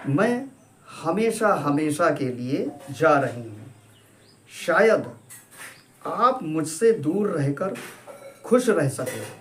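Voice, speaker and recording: A man's voice: on the high side, slight background noise. A man voicing a grieving young wife reading out her farewell letter, pleading and sorrowful, in a storybook reading.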